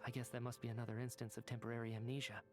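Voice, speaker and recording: A man voicing a calm reasoning scientist. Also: medium pitch, lightly acted. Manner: measured, thoughtful, explanatory. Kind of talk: video game voice acting. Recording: game audio with faint music behind.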